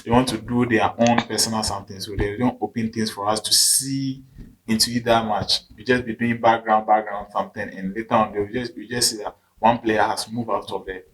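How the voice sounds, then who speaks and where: A young Ghanaian man, a footballer and coach, telling his story in a halting casual interview and repeating his phrases. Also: on the low side, steady tone, low-quality recording.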